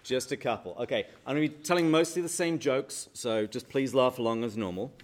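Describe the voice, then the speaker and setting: A man from England with a mid-range voice talks a little fast as he gives a humorous church talk to an audience in a hall. He banters and quizzes the listeners with jokes, then leads a prayer in a solemn tone.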